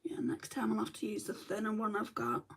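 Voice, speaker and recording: With a medium-pitched voice, big pitch swings, vocal fry and a breathy edge, she talks a little fast. She's a middle-aged woman from northern England, chatting through a makeup livestream, reading comments, muttering as she works, and mentioning back pain in a chatty, self-mocking way.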